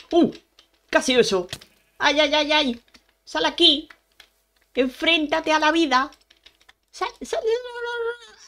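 Excitable young Spanish woman gaming. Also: medium pitch. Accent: Spain Spanish. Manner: excitable, chatty, talks to game animals, bursts into shrieks. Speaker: Minecraft streamer. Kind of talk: let's-play gaming commentary.

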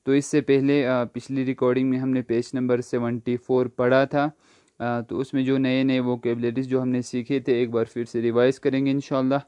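A man's voice: mid-range voice, flat delivery, mellow, clean tone, dry recording. A man teaching an online language lesson, patiently asking what each word is, answering it himself and spelling it out letter by letter. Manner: patient, asks a question then answers it, spells words letter by letter.

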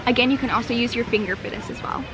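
A woman's voice: a little high, very fast, music in the background. A young woman hosting a makeup tutorial, bubbly and chatty, sitting at an outdoor picnic table near the beach and filming herself up close. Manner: bubbly, chatty, lots of "super" and "fantastic". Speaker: beauty vlogger. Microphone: handheld camera close up.

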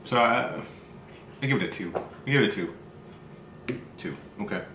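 A middle-aged man giving a casual, halting, low-key food review as he tastes, recorded at a table indoors. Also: lively intonation. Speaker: spicy food review host. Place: small bright room indoors. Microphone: camera mic across a table. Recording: echoey room, faint background noise.

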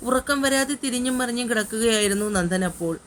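A woman narrating a romantic novel with an emotional, measured reading. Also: fairly high pitch, slight background noise. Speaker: audiobook narrator. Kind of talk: dramatic storybook narration.

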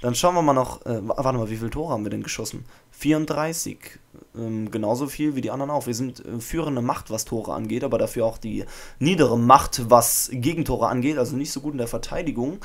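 Excitable young man commenting gameplay. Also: mid-range voice, fairly quick. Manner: excitable, shouts player names at big moments. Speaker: gaming channel host. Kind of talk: let's play commentary. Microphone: USB podcast microphone.

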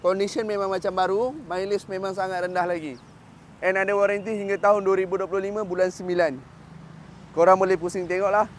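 A Malaysian Malay-accented man in his thirties talks like a cheerful dealer, dropping quick English fillers between points. His voice sits high for a man. Faint traffic and street sound hang behind him in an open lot. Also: little pitch movement. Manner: upbeat salesman patter, mixes in English fillers. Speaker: motorcycle dealer. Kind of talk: sales video walkthrough. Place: outdoor parking lot of a motorcycle shop.

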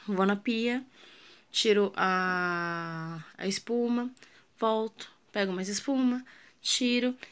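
In a mid-range, slightly bright voice, a woman with a Brazilian Portuguese accent chats through cleaning her kitchen. She's a mother and home vlogger who asks viewers questions and lets her words trail off into fillers.

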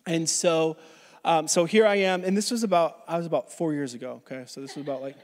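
A man in his thirties, a pastor, preaches a sermon in a church hall, telling a story casually with lots of restarts. His voice is on the high side and a little fast, he sounds a little out of breath, and the hall is reverberant.

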